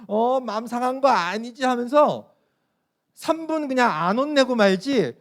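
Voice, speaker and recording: Young man, youth pastor, high voice, animated storytelling sermon, playful asides. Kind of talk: sermon to middle schoolers. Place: church service room.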